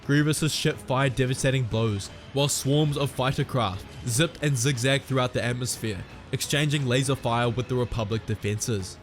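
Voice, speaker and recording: A man giving steady, dramatic scripted storytelling narration. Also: mid-range voice, moderate pace, few pauses, faint music behind.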